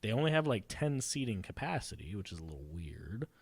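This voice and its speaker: A man playing a sweaty, excitable young sailor who rambles breathlessly through a story in an improvised comedy audio drama. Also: lowish voice, fairly quick, vocal fry, slightly rough, dry recording, heavily acted.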